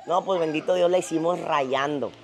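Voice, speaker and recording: A fitness vlogger with a low-pitched voice speaks at a moderate pace, chatting and laughing through a travel story while she walks outdoors at a tropical resort. It's casual travel vlog storytelling, picked up on a lapel mic.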